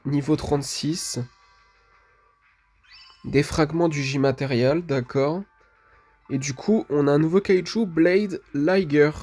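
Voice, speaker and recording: A man's voice: fairly high pitch, a little mellow. A man, casually commenting on a mobile game while opening rewards, hesitant and full of fillers. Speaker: gaming video creator.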